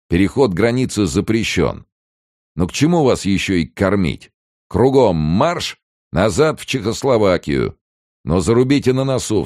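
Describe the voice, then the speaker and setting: A male narrator voicing a rough, bullying border gendarme who barks orders and threats. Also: low-pitched, dry recording, clean studio sound, pitched above the performer's own voice. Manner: barking orders, shouting. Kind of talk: audiobook character voice.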